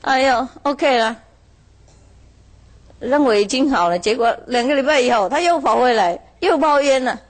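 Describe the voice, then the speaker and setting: A woman's voice: high-pitched, expressive, moderate pace. A woman telling a moral parable in a chatty way, laughing often and drawing out her filler words.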